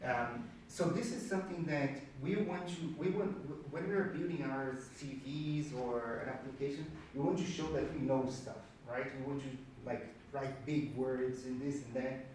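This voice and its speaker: With a Brazilian accent and Portuguese as his mother tongue, a man addresses a live crowd at a career networking event in an informal, talky style, repeating words to drive points home. He has a medium, somewhat mellow voice and speaks at normal speed, hardly pausing. The indoor room echoes a lot, the mic sits far away, and there's a faint hiss.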